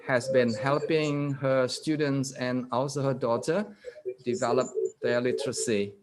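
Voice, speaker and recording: A male guest lecturer giving an interactive online lecture over a video call. He quizzes his audience and reads statements out slowly, repeating them. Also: mid-range voice, steady tone, background noise.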